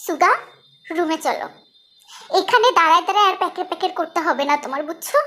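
A woman voicing an indignant young wife who answers her husband with sharp reproaches. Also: very high-pitched, quick pace.

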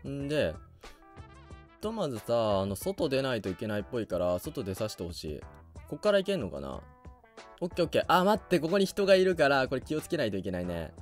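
Excitable man with a lively voice. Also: mid-range voice, quick pace, soft background music. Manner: excitable, reacts loudly and laughs often. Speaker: gaming YouTuber. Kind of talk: let's play commentary.

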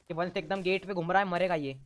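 A man giving excited let's-play commentary as a gaming YouTuber, teasing and ordering his teammates around. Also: high-pitched, quick pace.

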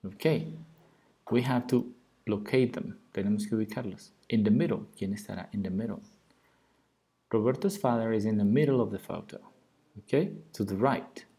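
A man gives a recorded grammar lesson for beginners. His voice is low and dark, unhurried and patient. He slows to model English words, then explains them in Spanish. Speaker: English teacher.

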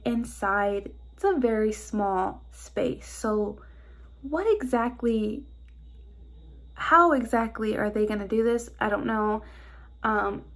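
A woman's voice: on the high side, vocal fry. Stuffy-nosed young woman, anxious vlog. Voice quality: nasal. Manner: anxious, rambling with many "like"s. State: stuffed-up nose. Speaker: vlogger. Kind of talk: casual personal vlog. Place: car and hospital hallways, on the move.

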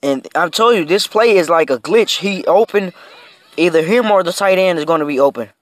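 Excitable guy yelling over gameplay. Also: high-pitched, brisk. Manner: excitable, yelling at the game, says "bro" constantly. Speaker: video game streamer. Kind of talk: casual gameplay commentary.

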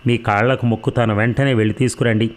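A man's voice: mid-range voice, steady tone, quick pace, natural voice. Brief: frantic mother begging for her son, read by a man. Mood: anxious. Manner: tearful, anxious, pleading. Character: distraught mother in a hospital bed.

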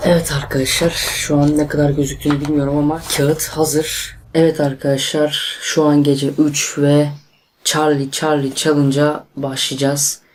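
A young man vlogging casually to camera, tense and excitable, talking to his viewers as friends. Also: fairly high pitch, normal speed, slight background noise. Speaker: YouTuber.

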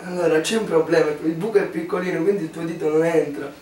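A man's voice: a little high, fairly even intonation, quick pace. A young man chatting casually and playfully to viewers as he hosts a challenge vlog. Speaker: challenge host. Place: home kitchen. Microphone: camera microphone across the room. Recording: roomy, distant camera mic, loud background noise.

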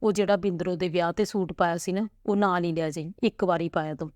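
A practical, fussing village mother, as a woman narrator puts her on. She reels off motherly instructions in a slightly low voice. The sound is dry and close, like a storybook read at the mic. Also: steady tone, fast, darkish tone, no room sound, close to an everyday voice. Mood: busy instructing.

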